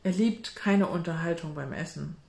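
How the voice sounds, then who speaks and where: Woman reading as a soft doll-like mother. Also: fairly low pitch, normal speed, creaky. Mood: soothing. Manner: soft, soothing. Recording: roomy echo.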